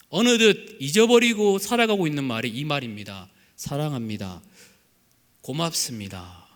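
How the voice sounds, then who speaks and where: A man's voice: a little high, pushed and bright. A young adult male pastor with a Gyeongsang accent, preaching a sermon in an earnest way and acting out quotes with humor. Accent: Gyeongsang Korean. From Gyeongsang region, Korea. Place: church sanctuary. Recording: reverberant church sanctuary.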